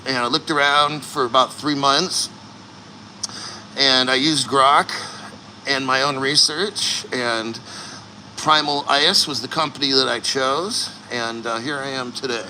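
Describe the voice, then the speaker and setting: A man chatting casually and bluntly to livestream viewers, earnest and straining through the cold as he sits neck-deep in an ice plunge. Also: unhurried, pushed and bright, slight background noise, low-quality recording. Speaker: livestream host.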